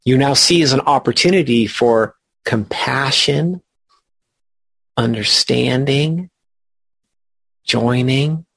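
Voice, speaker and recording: A man leading a spiritual study group, teaching in a slow, reflective and emphatic way. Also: mid-range voice, gravelly, a bit bright, slightly rough, dry recording.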